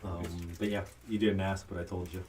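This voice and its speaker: A man acting as game master of a homemade tabletop game, explaining rules and scenes at a relaxed pace with lots of fillers. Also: sits low, fairly quick, distant mic, slight background noise.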